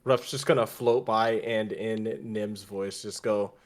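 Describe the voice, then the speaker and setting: A man's voice: lowish voice, steady tone, measured pace. A man playing a tabletop role-playing game, easygoing, starting his lines with hesitant fillers. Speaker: player. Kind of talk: casual tabletop role-play.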